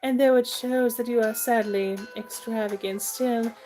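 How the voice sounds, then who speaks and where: A woman's voice: a little high, fairly even intonation, measured pace, warm tone, a little hiss or hum, close to an everyday voice. A woman playing a self-assured, whimsical young lady in a comic stage play, prim, chiding and matter-of-fact.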